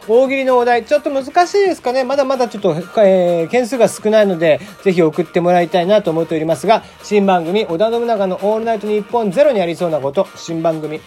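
A man's voice: sits high, a little mellow. A man in his forties from Kagoshima, hosting his own podcast in a rambling, chatty monologue full of fillers and little chuckles. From Kagoshima, Japan. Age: 40s. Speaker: solo podcast host. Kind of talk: casual radio-style monologue.

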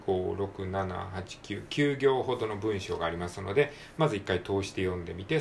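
A man with a Japanese accent teaching English pronunciation, patiently drilling words slowly and repeating them. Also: low-pitched, creaky, slight background noise. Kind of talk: solo read-aloud practice lesson.

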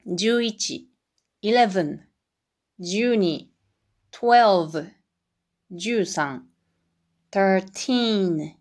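A woman's voice: medium pitch, a little mellow. A woman with a Kansai accent teaches English numbers on her solo podcast, taking her time and drawing out each word. She drills each number in Japanese and then in English, with a chatty, self-deprecating aside here and there.

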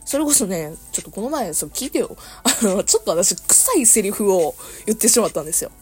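A woman's voice: mid-range voice, sing-song, brisk, a little mellow, faint music behind. A young woman with a Kansai accent, chatting casually on her own radio talk show, laughing often and correcting herself as she goes. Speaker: podcast host. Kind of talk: casual solo radio chat.

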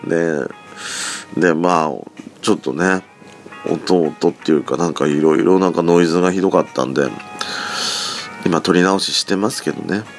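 A man hosting a casual solo talk show from a room at home, chatting in a rambling way with soft feminine speech endings, his raspy voice still sleepy from just waking up. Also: low voice, steady tone, normal speed, long pauses. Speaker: solo podcast host. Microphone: phone app mic set back from the mouth. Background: faint background music.

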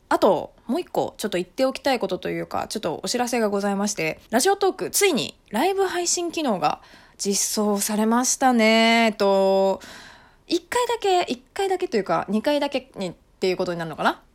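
A young woman hosting her own podcast, chatting casually on her own with frequent laughs and soft fillers. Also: fairly high pitch, very animated, a little fast. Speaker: podcast host. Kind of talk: casual solo podcast chat.

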